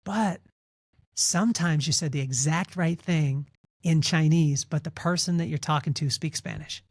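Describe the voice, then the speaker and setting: A man being interviewed on a podcast, telling stories in an animated, conversational way and acting out what others said. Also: fairly high pitch, moderate pace, dry recording, studio quality. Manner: animated storyteller, repeats words, acts out quotes. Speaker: podcast guest, speaker.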